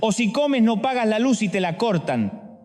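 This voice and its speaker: High-voiced preacher in a reverberant hall. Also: male voice, very animated, normal speed. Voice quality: rhetorical questions, swings between loud and hushed. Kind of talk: sermon.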